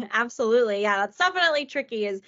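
A woman's voice: a little high, animated, quick pace, a bit bright. Friendly, fluent woman guest. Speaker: guest, government relations manager. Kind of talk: podcast interview answers. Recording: dull lo-fi sound.

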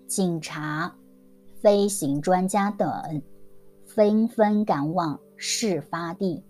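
A woman teacher narrating a scripted story for language learners, enunciating every word very carefully and deliberately. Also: lowish voice, dark tone. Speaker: Mandarin teacher.

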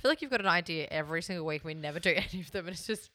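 A woman's voice: lowish voice, lively intonation, racing, bright, forceful tone, no room sound. A woman co-hosting a podcast, talking bluntly and animatedly, swearing freely in casual chat. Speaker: podcast co-host.

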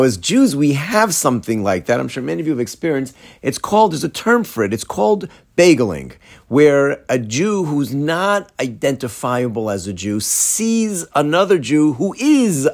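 A man from Atlanta, a rabbi telling a story in a sermon, acting out the people in it with quick laughs. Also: mid-range voice. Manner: animated storyteller, acts out quoted voices with laughs.

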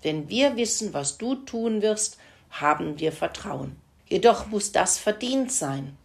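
A woman voicing a wise, patient mouse father in a children's story, explaining things gently. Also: mid-range voice, lively intonation, takes it slowly, gravelly, voice pushed up.

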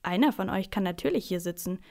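A woman voicing a grumpy grown man on a train in a storybook reading, with a mumbling, gruff manner. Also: medium pitch, animated, fast talker, warm tone.

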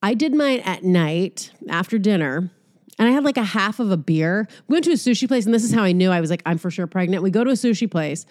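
A young adult woman chatting casually as a vlogger, telling a story in an animated, profane way and acting out quotes. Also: medium pitch, fast. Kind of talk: casual chat.

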